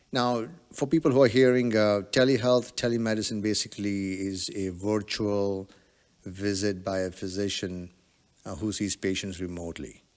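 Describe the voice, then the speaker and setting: Low, smooth-voiced man with long reverb. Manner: hesitant, many fillers. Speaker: podcast guest, telemedicine entrepreneur. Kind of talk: relaxed conversational storytelling.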